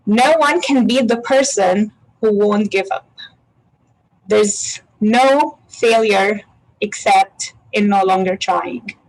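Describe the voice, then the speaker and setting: Slow-spoken woman hosting an online panel. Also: mid-range voice, poor audio. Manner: measured, reads quotes slowly. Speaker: host introducing a guest. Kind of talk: reading an introduction.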